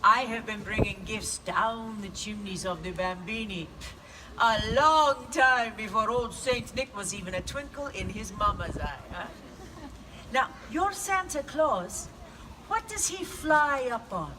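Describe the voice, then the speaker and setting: A woman's voice: a little high, lively intonation, measured pace, distant mic, background noise. A woman playing a kindly old Italian witch who brings gifts, with an Italian accent, telling a story to children and coaxing answers from them. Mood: playful coaxing. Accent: Italian (put on). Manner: theatrical, coaxing, asks the audience questions. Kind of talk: live in-character storytelling.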